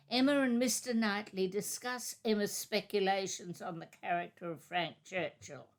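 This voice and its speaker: A woman co-hosting a literary discussion podcast, reading a chapter summary and giving measured, thoughtful commentary. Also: medium pitch. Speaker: podcast co-host.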